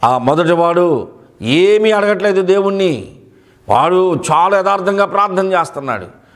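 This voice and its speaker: An instructive pastor explains a point to a church elder, played by a male preacher. The voice is fairly high and talks in a patient, teaching tone. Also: expressive, normal speed.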